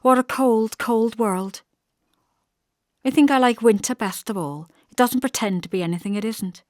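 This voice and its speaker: In an audiobook, a woman voices a brittle, wistful young pregnant wife whose detached manner drifts from bright to toneless. Her voice is a little high and pushed up yet close to everyday speech, at normal speed, in a studio-quality recording with no echo.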